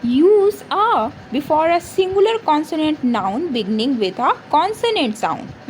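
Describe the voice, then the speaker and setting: A high-voiced woman teaches a grammar lesson, and her pitch rises and falls a lot. She asks her class questions and answers them herself, and reads rules out slowly. There is a faint hiss of noise behind her. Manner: reads English rules slowly, then explains. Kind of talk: exam-prep grammar lesson.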